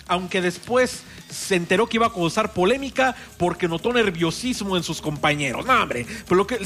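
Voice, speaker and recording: In a radio studio, a man with a Mexican Spanish accent hosts a sports show in casual chat, full of fillers and restarts. His voice is high with a fairly bright tone.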